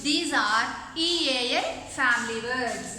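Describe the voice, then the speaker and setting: High, bright-voiced woman teaching in an echoey room. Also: a little hiss or hum. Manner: spells words out letter by letter, then explains each slowly; mixes English words into her teaching, asks the class questions. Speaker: English teacher. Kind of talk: online classroom lesson.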